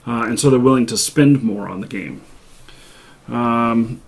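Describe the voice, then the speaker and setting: A man's voice: mid-range voice, slow pace, vocal fry, husky. A man hosting a live call-in show, rambling and thinking aloud as he chats casually. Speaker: live show host taking calls.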